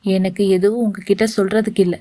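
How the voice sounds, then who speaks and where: A woman's voice: mid-range voice, flat delivery, a little fast, warm tone, dry recording, natural voice. A woman voicing a flustered young woman who scolds and pleads, read as part of a story. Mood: indignant. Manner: indignant, pleading.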